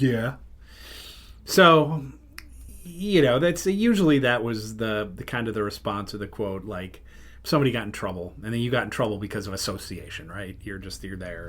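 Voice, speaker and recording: A man's voice: on the low side, a little fast, a bit bright. A middle-aged man hosting a podcast, telling a rambling, self-interrupting road-trip story in casual chat. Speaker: podcast host.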